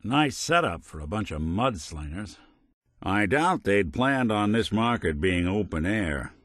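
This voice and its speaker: A deep, expressive male voice plays a world-weary, middle-aged android private eye who cracks wise in a video game, delivering scripted noir companion dialogue at a measured pace. His mood and phrasing are wry, dry, and sardonic in an old-time tough-guy way, with close, dry sound and no echo.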